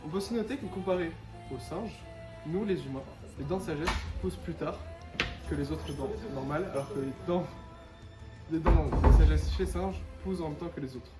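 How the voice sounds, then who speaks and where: Young man, slightly high voice, off-mic, student presenter, prepared explanation. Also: fairly quick. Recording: echoey, distant mic, music behind.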